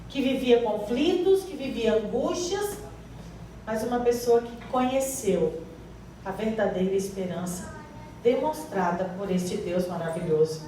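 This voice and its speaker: A warm, mid-range female voice with a Brazilian Portuguese accent delivers a church sermon, reading scripture and putting questions to the congregation to draw out answers. She is recorded in a church hall that is very echoey, with the mic placed far away and a faint hiss underneath.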